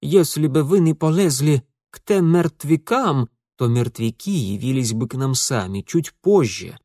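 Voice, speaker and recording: A man's voice: medium pitch, lively intonation, unhurried, dark tone, no room sound. A man reading an audiobook, voicing Mitya, a dry, sarcastic young man, close to his own reading voice. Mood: sardonic. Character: sardonic young man, wry and grumbling.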